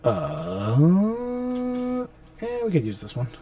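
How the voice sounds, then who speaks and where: A man's voice: sits high, huge pitch swings, drawn-out words, dark tone. Chatty man painting on a live stream. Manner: rambling, talks to himself as he works. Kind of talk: casual live-stream chat while painting. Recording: mic a bit far off, music behind.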